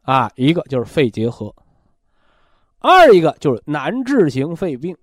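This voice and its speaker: A man lectures on a health talk show, keeping his listeners engaged with constant rhetorical questions. His voice sits a little high and swings widely in pitch. The sound is dry and close, with no room echo. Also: huge pitch swings, moderate pace.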